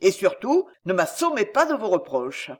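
Woman reading a blustering, hot-tempered nobleman; loud, angry delivery. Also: medium pitch, very animated, moderate pace.

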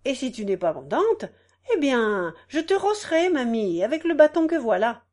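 A woman voicing a smug, greedy male election candidate who shouts grand promises in a storybook reading. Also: sits high, very animated, normal speed, pitched above the performer's own voice.

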